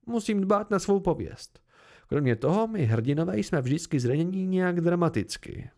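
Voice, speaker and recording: A man's voice: high-pitched, animated, darkish tone, voice pushed up. A man voicing a battered, weary innkeeper with a dry, wry wit, in an amateur audiobook reading. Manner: wry, pained, tired.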